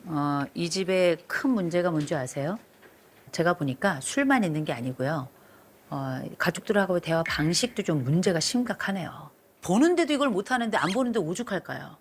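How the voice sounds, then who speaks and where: 엄격하게 훈계하는 중년 여성 상담가. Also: female voice, fairly low pitch, expressive, normal speed. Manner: stern, lecturing, repeats commands. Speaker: marriage counselor. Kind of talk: blunt counseling session on TV.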